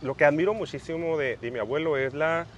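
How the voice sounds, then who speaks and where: Chatty man, slightly high voice. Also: fast talker, slight background noise. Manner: thinks aloud with many restarts and fillers. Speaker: podcast host. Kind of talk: casual conversational podcast.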